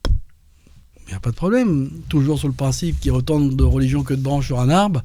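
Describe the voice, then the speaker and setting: Man guest, dark mellow tone, halting personal testimony. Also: medium pitch, dry recording. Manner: halting storytelling with many restarts. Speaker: interview guest.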